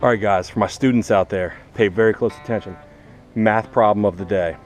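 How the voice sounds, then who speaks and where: Speaking a little fast in a lowish voice over music, a man hosts a casual how-to vlog. A teacher and gardener, he talks straight to viewers and explains things step by step.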